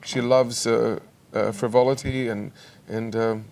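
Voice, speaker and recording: A man, a singer and actor guest chatting on a TV couch, halting and restarting often. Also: mid-range voice, steady tone, creaky, a little mellow. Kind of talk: casual interview chat. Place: television studio.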